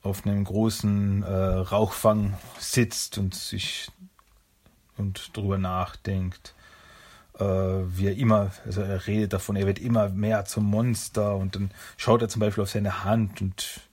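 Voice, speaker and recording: A man's voice: on the low side, little pitch movement, unhurried, a little mellow, slightly rough. A man casually retelling a cartoon episode, hesitant and full of fillers.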